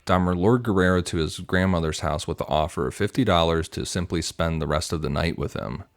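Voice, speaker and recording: A man's voice: low voice, brisk, no room sound. A man co-hosting a podcast, reading prepared notes aloud steadily and matter-of-factly into a close microphone. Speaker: podcast co-host and researcher.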